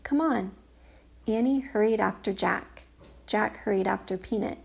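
A woman's voice: mid-range voice, fairly even intonation, moderate pace, vocal fry, breathy edge. A woman reading a children's storybook aloud, lifting her voice for the characters' lines. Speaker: audiobook reader. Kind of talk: storybook narration.

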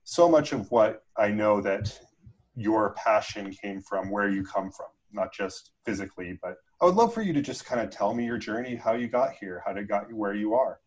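Low-voiced male interview host. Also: animated, moderate pace, rough recording. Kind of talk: podcast interview.

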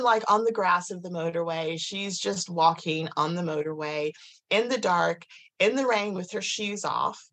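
A woman with a fairly low, gravelly voice and a husky, breathy edge tells a personal story in a relaxed, chatty way. She talks with lots of "like" fillers and restarts, and slips into the voices of the people she quotes. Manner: animated, many "like"s and restarts, acts out quotes. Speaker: guest. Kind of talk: casual storytelling in conversation.

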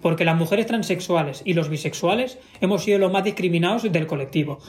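High-voiced Spanish man, emphatic. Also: fairly quick. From Spain. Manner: emphatic, repeats himself for stress. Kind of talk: casual conversation.

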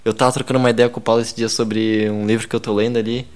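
A man co-hosting a casual podcast, slangy and eager, quick to agree and laugh along. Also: fairly low pitch, flat delivery, darkish tone. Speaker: podcast co-host.

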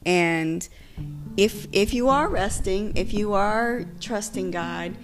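Heartfelt, halting woman in a devotional chat. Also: medium pitch, over music. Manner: heartfelt, emotional, halting restarts. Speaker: podcast co-host.

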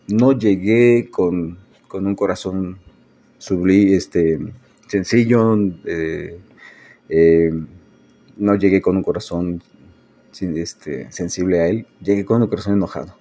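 A man's voice: low-pitched, dark tone. A man, a preacher telling a personal story in a loose, conversational way with many fillers and restarts. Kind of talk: personal testimony talk.

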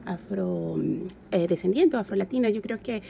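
A woman with a Caribbean Spanish accent from Venezuela speaks as an interview guest. Her voice has a lot of fry and sits at a middling pitch. She is reflective and conversational, pausing often as she searches for the right word. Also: mellow, slight background noise. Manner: halting, searching for words.

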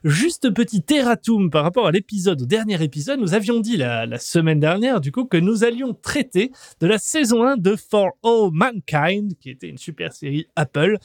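High-voiced joking French podcast host. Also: male voice, very animated, normal speed, few pauses, no room sound, clean studio sound. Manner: jokey, leads the show, announces topics. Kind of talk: casual chat.

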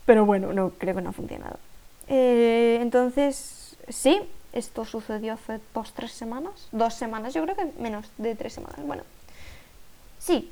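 A young woman hosts her own podcast and tells a story in a casual, rambling way. Her voice sits a little high. She fills the story with quoted dialogue and asides to her listeners. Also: a little mellow. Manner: chatty, full of fillers and quoted dialogue, frequent asides to listeners. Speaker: podcast host.

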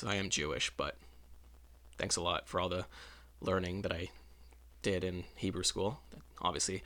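A man's voice: mid-range voice, pushed and bright. A man talking in a casual, rambling monologue, often correcting himself and adding wry asides. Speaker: vlogger.

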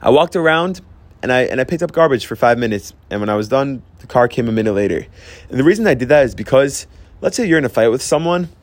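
A young man talks in an earnest, storytelling way, often stopping to restart a phrase. His voice sits at an everyday middle pitch. The sound is close and dry, with no room echo. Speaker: host sharing personal advice. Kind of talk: reflective personal talk.

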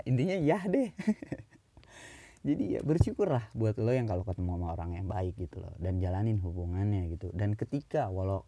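A young man talking casually to the camera, slangy and animated, sometimes jumping up high for mock pleading. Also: dry recording. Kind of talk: casual monologue.

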